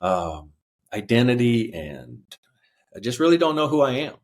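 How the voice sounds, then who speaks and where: A man in his fifties, a podcast guest telling his life story earnestly, halting with fillers. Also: mid-range voice, animated, creaky. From United States. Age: 50s. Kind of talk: reflective personal storytelling.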